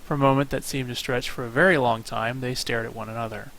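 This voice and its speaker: A man's voice: mid-range voice, steady tone, fast talker, a bit bright, poor audio. Wry man reading a story aloud. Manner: wry asides between narration. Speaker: streamer reading a visual novel. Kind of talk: reading aloud with casual commentary.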